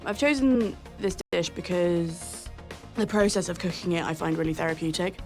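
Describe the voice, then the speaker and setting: A woman's voice: fairly low pitch, normal speed, soft background music. A woman, a contestant speaking nervously and candidly. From England. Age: 20s.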